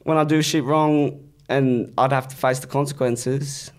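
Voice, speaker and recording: A man with an Australian accent chatting casually as an interview guest, blunt and animated, with heavy slang and swearing. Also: mid-range voice, measured pace, clean tone. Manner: blunt, animated storytelling with repeated "bro" and "like".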